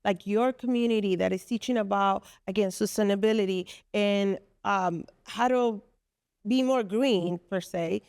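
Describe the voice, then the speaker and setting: In a podcast interview, a Dominican woman who co-founded a business space describes her venture at length, her fillers sounding earnest. She speaks at a measured pace in a medium-pitched voice that is a little mellow, clear, and resonant, captured in clean studio sound with no room echo.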